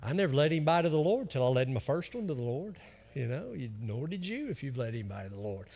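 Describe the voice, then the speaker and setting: A man's voice: mid-range voice, very animated, quick pace, darkish tone. A man with an Appalachian accent preaching a conversational sermon in a folksy, emphatic way, acting out what people might say. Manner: folksy, emphatic, acts out imagined objections. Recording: reverberant hall.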